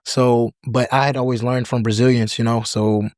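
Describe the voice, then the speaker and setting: This is a casual interview chat with a young American podcast guest whose speech is loose and full of "like" and "you know," occasionally switching languages. His voice is medium in pitch at normal speed, captured dry with no echo.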